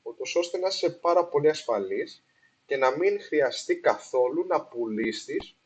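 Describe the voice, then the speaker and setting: The investing host here has an animated, slightly rough voice on the high side. His informal explainer is peppered with English phrases, filler words, and restarts. The recording sounds poor, and he says sorry for it.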